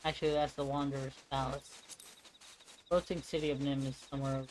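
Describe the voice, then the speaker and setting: A man streaming a fantasy game, chatting casually and thinking aloud between dialogue. His voice sits at a middling pitch, relaxed and unhurried. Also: slight background noise, rough recording.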